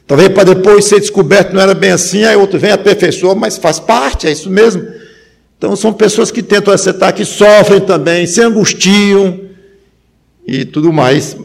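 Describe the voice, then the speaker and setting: A man preaching a sermon, rising to loud emphatic peaks and dropping to low quiet stretches, often repeating words as he thinks. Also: moderate pace, gravelly. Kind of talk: sermon on Ecclesiastes.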